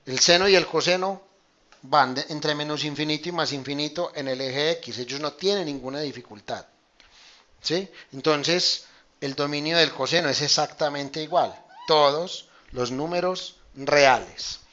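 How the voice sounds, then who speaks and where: Casual math teacher, bright voice. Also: male voice, a little high, measured pace, highs cut off. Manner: casual, explains step by step, checks in with students. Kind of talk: online class lecture with screen demonstration.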